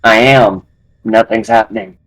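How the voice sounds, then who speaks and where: A man's voice comes through a choppy online group voice chat that keeps breaking up. He sounds flustered and talks through a problem as he goes. His pitch sits at a middling level. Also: big pitch swings, a little slow, creaky, no room sound, low-quality recording. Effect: laggy online group voice chat, cutting out. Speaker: tabletop game player. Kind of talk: casual chat during an online tabletop game.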